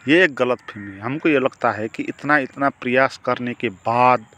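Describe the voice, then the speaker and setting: A man's voice: mid-range voice, normal speed, sharp tone. A man giving a spiritual talk on meditation as a teacher, reflective and asking rhetorical questions. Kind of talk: spiritual discourse.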